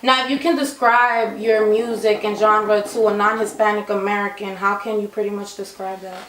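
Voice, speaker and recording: A woman's voice: mid-range voice, flat delivery, moderate pace, reverberant, noisy background. A woman interviewing a singer in a studio, upbeat, often saying "like". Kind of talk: interview questions. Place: recording studio.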